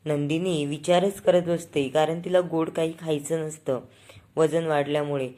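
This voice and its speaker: A woman's voice: deep voice, steady tone, normal speed, dark tone. Chatty woman retelling a TV serial. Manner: chatty, storytelling. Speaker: serial recap narrator. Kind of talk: casual plot retelling.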